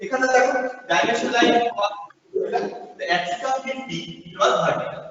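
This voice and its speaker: Male teacher, cathedral-like echo, empty hall, far from the mic, muffled sound, higher voice, slow careful explaining. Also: fairly bright tone. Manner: explains slowly, switching between English and Bengali. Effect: heavy cathedral-like echo from the empty hall. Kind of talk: online class lecture. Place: large empty classroom. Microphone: distant device mic over a video call.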